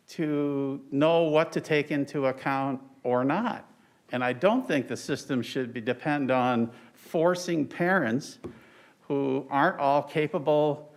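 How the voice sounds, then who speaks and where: An older man, an attorney, giving a halting, deliberate oral argument in court. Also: a little high. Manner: halting, deliberate, with stretched pauses. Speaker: attorney arguing on appeal. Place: large courtroom. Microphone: lectern microphone, speaking through a face mask.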